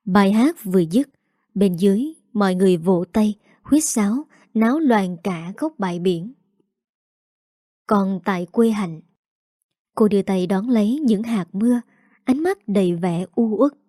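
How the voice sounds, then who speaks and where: Woman, story narrator, soft, steady, warm low tone. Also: unhurried, no room sound, clean studio sound.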